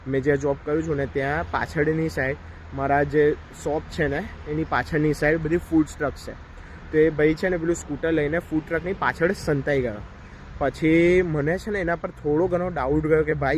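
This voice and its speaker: Brief: male vlogger, a little high-pitched, chatty and direct, recorded outdoors in a park with faint traffic behind. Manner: chatty, addresses viewers directly. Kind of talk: casual storytelling vlog.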